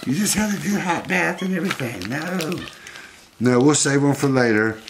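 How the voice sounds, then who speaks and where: A man's voice: fairly high pitch, expressive, normal speed, noisy background. A man hosting a casual home video, coaxing and doting on his pet monkeys.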